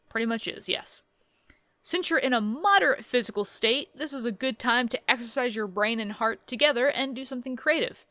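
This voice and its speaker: A woman's voice: a little high, a bit bright, no room sound. A woman in her thirties casually reading game text aloud and adding wry, joking asides in a playthrough. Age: 30s. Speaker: let's play host.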